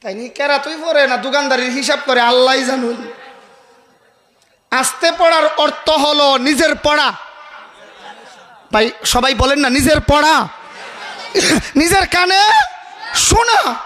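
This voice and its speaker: A man preaching a sermon, loud and emphatic, often calling on the crowd to answer him. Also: very high-pitched, unhurried, pauses often.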